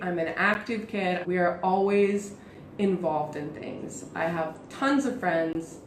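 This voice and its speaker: A woman in her thirties talks through her childhood as a live show host, chatty and theatrical, often poking fun at herself. Her voice sits in a middle pitch. The sound is roomy, with the space ringing around her. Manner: theatrical and self-mocking; chatty, with frequent "like" and "super". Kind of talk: live personal monologue. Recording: roomy echo.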